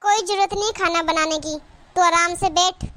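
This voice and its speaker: A woman's voice: very high voice, fairly even intonation, normal speed, fairly bright tone. A woman voicing a scolding, taunting middle-aged village mother-in-law in a cartoon. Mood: bossy. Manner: nagging, taunting. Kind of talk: cartoon voice acting.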